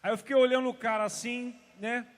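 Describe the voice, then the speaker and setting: A pastor with a strikingly high voice delivers an Easter sermon, shifting between emphatic declarations and hushed storytelling. His words ring out with a long reverb trailing behind them, as in a large church hall. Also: little pitch movement, fairly quick. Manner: storytelling, emphatic, drops to hushed tones for drama. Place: church service.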